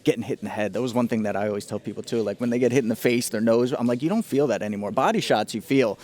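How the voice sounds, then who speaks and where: A man's voice: medium pitch, fairly even intonation, fast, a little mellow. A man giving casual, slangy and enthusiastic fight analysis as a commentator.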